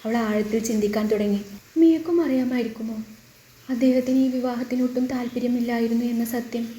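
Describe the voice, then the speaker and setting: A woman reads a long family story aloud, voicing each character's lines in her own voice with soft emotional shading. Her tone is mellow and a little high, and the room around her rings with echo. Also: fairly even intonation, a little fast. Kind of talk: scripted narration of a serial family story.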